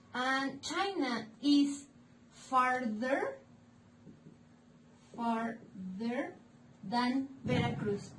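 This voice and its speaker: A Mexican woman teaching English grammar in Spanish, explaining each rule slowly and clearly, step by step, in a recorded lesson. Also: a little high, darkish tone, a little hiss or hum. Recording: echoey room, mic at a distance.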